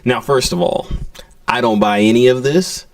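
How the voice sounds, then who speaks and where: A man's voice: mid-range voice, normal speed, no echo, far from the mic. A man delivering skeptical, indignant livestream news commentary, speaking directly to viewers.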